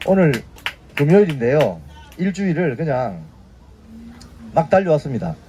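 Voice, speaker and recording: A man's voice: fairly high pitch, sing-song, normal speed, dark tone, a little hiss or hum. A man in his fifties hosting a casual news briefing, prodding his viewers with short tag questions. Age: 50s. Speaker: YouTube news briefing host. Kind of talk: casual spoken commentary.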